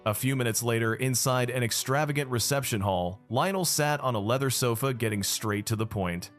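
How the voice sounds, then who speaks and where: A man's voice: mid-range voice, fairly quick, faint music behind. A man narrating a dramatic story recap in the first person.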